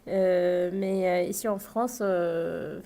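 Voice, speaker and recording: A young woman from Tunisia with a Tunisian accent, a language student answering haltingly in a radio interview, heavy on fillers. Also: lowish voice, fairly even intonation, dark tone. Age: young adult.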